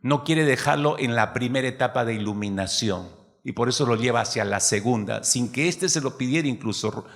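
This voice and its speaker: A man preaching a sermon to his congregation, lively, acting out the voices of people in the story. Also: medium pitch, brisk, in a large hall. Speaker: pastor.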